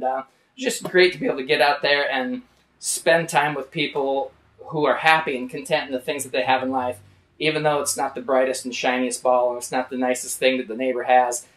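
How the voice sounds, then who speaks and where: A man hosting from his art studio, telling a travel story in a lively way and acting out scenes. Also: medium pitch, reverberant. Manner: animated, acts out scenes. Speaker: artist and show host. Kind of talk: casual storytelling. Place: artist's studio.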